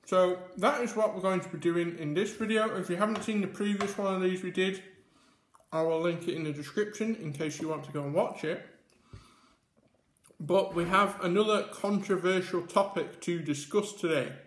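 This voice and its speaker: A man's voice: on the high side, a bit bright, roomy sound. A man hosting a casual mukbang vlog, chatting and rambling with many ums as he eats at a table. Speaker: YouTube host. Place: indoor room at a table. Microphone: camera mic with face cam and top camera.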